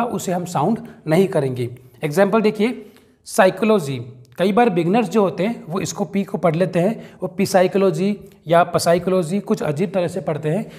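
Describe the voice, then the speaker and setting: Guy teaching english rules, fairly high voice, chatty, keeps saying friends. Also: darkish tone. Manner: explains rules step by step, addresses viewers as friends. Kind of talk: spoken English lesson.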